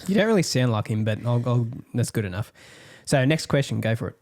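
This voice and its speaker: A man's voice: medium pitch, lively intonation, brisk, darkish tone. A man co-hosting a podcast, bantering in a playful, teasing way. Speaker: podcast co-host. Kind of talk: casual banter.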